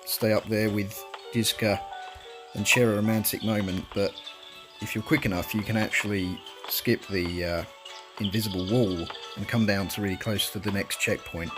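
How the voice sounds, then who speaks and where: A man casually commentates live over his speedrun with game music playing behind him. His fairly low, steady voice moves at a moderate pace, a little nasal from a cold, and he rambles with many ums and uhs.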